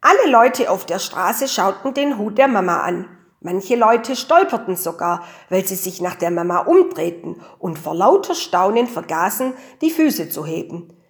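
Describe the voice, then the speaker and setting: A woman reading a children's story aloud with lively, expressive storytelling. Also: medium pitch, normal speed.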